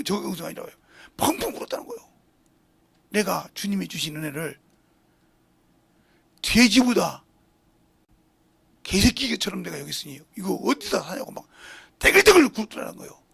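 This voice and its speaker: A middle-aged man preaching a sermon as pastor, retelling conversations fervently and swinging between raised passages and hushed whispers. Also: high-pitched, expressive, moderate pace, creaky, pauses often, breathy edge, no room sound. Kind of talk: sermon with retold dialogue. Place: church sanctuary.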